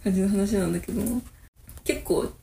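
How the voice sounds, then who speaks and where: A woman in her twenties, co-hosting a podcast and telling a story in casual chat, quick and animated. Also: medium pitch, creaky. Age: 20s. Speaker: podcast co-host. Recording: echoey room.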